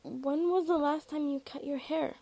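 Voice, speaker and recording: A woman voicing a quiet young man who speaks softly and tenderly. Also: high voice, fairly even intonation, normal speed, voice pushed up. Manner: quiet, soft.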